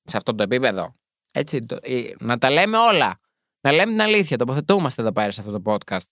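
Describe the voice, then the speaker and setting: A young man from Greece hosts a solo podcast, reading passages and then riffing in campy, chatty asides. His voice sits at a middling pitch and leaps up suddenly for comic emphasis. The sound is dry and close, with no room around it. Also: big pitch swings, a bit bright, dry recording. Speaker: podcast host.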